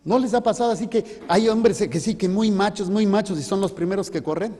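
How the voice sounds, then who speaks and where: High-voiced priest preaching in a hall. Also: male voice, fairly quick, dark tone. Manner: joking, asks the congregation questions. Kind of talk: sermon. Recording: reverberant hall.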